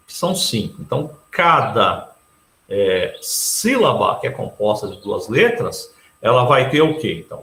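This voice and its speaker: A man from Brazil delivers a recorded math lesson, working through exam problems one step at a time. His pitch moves a lot, and he keeps turning to the class with quick questioning tags. The room around him rings with a noticeable echo. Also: a bit bright. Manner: explains step by step, tags nearly every sentence with a questioning tag. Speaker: teacher. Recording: echoey room.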